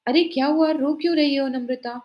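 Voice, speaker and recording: A woman voicing a suspicious, sharp-tongued older mother-in-law who scolds her daughters-in-law. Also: high voice, steady tone, fairly quick, muffled recording, soft background music, close to an everyday voice. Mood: scolding. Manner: scolding, accusing.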